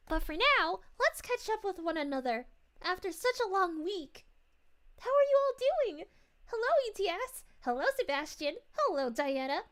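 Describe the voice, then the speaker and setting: Casting: a sweet young cartoon princess streamer, extremely high-pitched, gushing, giggly, cooing, chatty. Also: female voice, a bit bright, exaggerated voice. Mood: warm, chatty, then delighted, welcoming. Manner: gushing, giggly, exclaims with cooing woo-hoos. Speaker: livestream host. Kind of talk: casual livestream chat, reading viewer messages.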